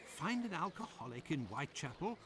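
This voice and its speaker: A man's voice: fairly high pitch, sing-song, brisk, fairly bright tone. A man playing an earnest, proper doctor, a detective's fretful companion in a video game. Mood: exasperated. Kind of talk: video game character acting.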